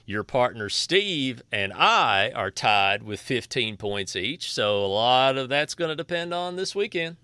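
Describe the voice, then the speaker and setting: A man hosts a casual podcast in a folksy, joking way, with a sore throat. His voice is bright and crisp. It is recorded close and dry, with no room sound. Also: medium pitch, very animated, a little slow, few pauses, dry recording. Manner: joking, folksy, loose with restarts. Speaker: podcast host.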